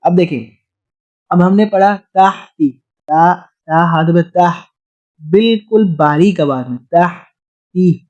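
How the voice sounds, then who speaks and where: A man teaching Quran recitation, explaining rapidly in speech and then chanting verses slowly and drawn out. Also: sits high, darkish tone. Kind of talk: recitation lesson. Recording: dull lo-fi recording.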